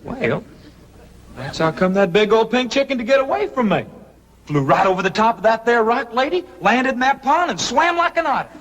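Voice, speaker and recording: Naive young hillbilly guy, high animated voice, rural Southern accent, eager and earnest, old sitcom, noisy sound. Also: normal speed, long reverb tail, full character voice. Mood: excited, earnest. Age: young adult. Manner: eager, folksy rambling. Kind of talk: 1960s television sitcom acting.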